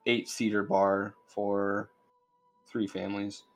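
A man running a tabletop game as game master, in a relaxed, dry way. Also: fairly low pitch, takes it slowly, soft background music. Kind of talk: casual tabletop game narration.

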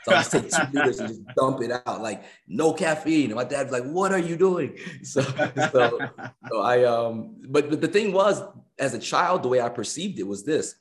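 Speaking at a moderate pace with an expressive, medium-pitched voice, an American man around fifty talks casually as an interview guest. He's a personal trainer and musician, chatty, and fond of repeating phrases for emphasis.

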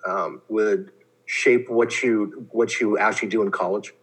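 A man interviewing two students, halting and repeating words as he forms questions. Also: lowish voice, steady tone, fairly bright tone, husky, rough recording.

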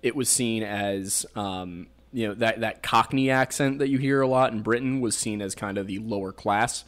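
Lower-voiced man with a Pennsylvania accent. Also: normal speed, fairly bright tone. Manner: rambling, joking, explaining folklore with many fillers. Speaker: podcast host. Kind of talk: casual podcast chat.

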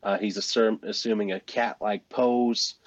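A man co-hosting a casual chat, walking through a game character's moves in a relaxed, rambling way with many ums and restarts. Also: on the low side, a little slow, dry recording, lo-fi sound. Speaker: co-host presenting a game moveset. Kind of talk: casual chat about video games.

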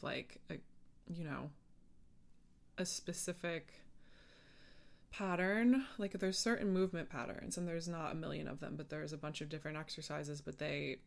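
Low and gravelly, her voice carries a casual solo podcast chat. She rambles, keeps cutting herself off, and fills the gaps with filler words.

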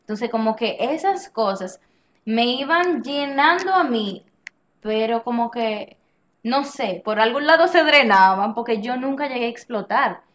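Relaxed and animated, a podcast guest shares a personal experience in a fairly high-pitched voice, speaking a little slowly. She tends to act out quoted dialogue, frequently breaks off to restart sentences, and laughs often along the way.

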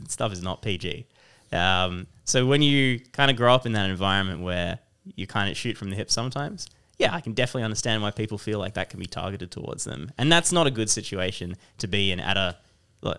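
Bright, crisp-voiced guy, fairly low, rambling and laughing at himself in casual podcast chat. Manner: rambling, self-mocking, laughs a lot. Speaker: podcast co-host.

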